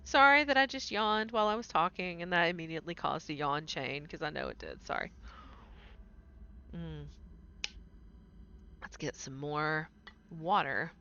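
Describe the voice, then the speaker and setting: A chatty woman streamer talks her way through a game, rambling and laughing as she goes. Her voice sits a little low but sounds bright and forward, and the stream audio comes through dull and lo-fi. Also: measured pace, long pauses, a little hiss or hum. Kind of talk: casual gaming stream chat.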